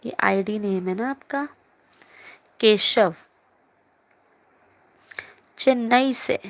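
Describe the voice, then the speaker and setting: A woman's voice: mid-range voice, drawn-out words. A young woman teacher holding a live online class from her phone, reading students' chat comments aloud and answering them in a chatty, teasing way.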